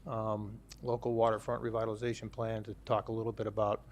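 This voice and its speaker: A man's voice: fairly low pitch, level tone, darkish tone, slight background noise. A man, the town planning director, presenting a proposal at a public board meeting, speaking with many fillers and restarts. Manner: halting, many fillers, jokey asides.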